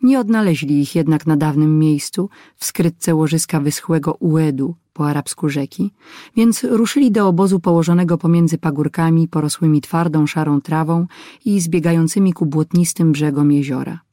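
Adventure audiobook narrator, even and mellow, dry sound. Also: mid-range voice, moderate pace, no echo.

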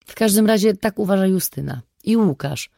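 A reader voicing a cheeky, clever teenage daughter in an audiobook. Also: female voice, mid-range voice, expressive, a little fast, creaky, mellow, dry recording, studio quality, voice pushed up. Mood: pleading. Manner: teasing, pert. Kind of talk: audiobook reading.

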